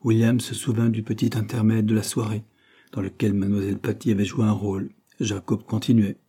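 A male narrator reads a classic novel aloud at a steady, measured pace. His voice is warm and mellow with a slightly husky edge. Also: on the low side. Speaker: audiobook narrator.

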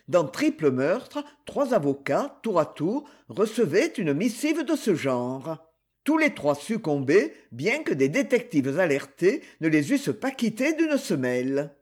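Slow, expressive male audiobook narrator. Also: high voice, breathy edge.

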